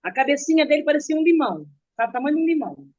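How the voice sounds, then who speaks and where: A middle-aged woman telling a painful personal story in an interview, slow and earnest, often stopping and repeating words. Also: high voice, big pitch swings, a little mellow. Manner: halting, with restarts and repeated words. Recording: dull, muffled recording.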